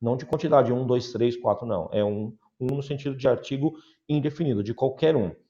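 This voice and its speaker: A Brazilian man teaching an English grammar lesson. He models the example sentences slowly and carefully, repeats them for drilling, and keeps checking that his students follow. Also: medium pitch, mellow, highs cut off. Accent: Brazilian Portuguese. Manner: repetitive drilling with frequent check-ins.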